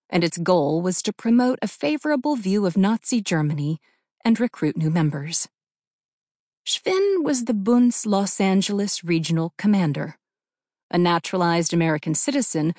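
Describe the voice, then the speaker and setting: A woman narrating an audiobook in a measured, even reading. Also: on the low side, dry recording, studio quality. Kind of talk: scripted narration.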